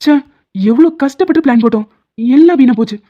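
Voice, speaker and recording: A woman voicing an easygoing, joking brother-in-law in an animated series. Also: high-pitched, quick pace. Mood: jokey. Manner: easygoing, jokey. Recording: phone-like lo-fi sound, faint music.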